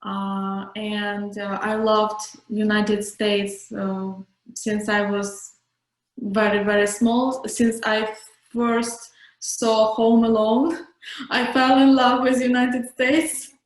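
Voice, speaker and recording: Slow, hesitant young woman from Ukraine. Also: mid-range voice, level tone, roomy sound. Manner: hesitant, many pauses and fillers. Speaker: interview guest, model. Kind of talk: casual video call interview. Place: home room indoors. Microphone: video call.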